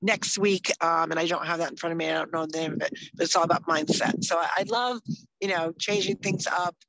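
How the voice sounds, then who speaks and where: A woman's voice: on the low side, fairly quick, vocal fry, fairly bright tone, dry recording, low-quality recording. Woman co-host, chatty and upbeat, casual chat, dry close sound. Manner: chatty, upbeat, loses her train of thought. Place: outdoors in the mountains.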